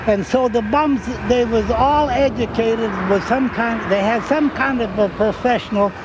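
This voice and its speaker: An elderly American man with a notably high-pitched voice tells old memories in a folksy way. His speech is rustic and plain, with loose grammar. Loud outdoor ambience and traffic sit behind him. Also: normal speed, highs cut off. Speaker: interviewee, former salvage dealer. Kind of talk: folksy oral-history reminiscence.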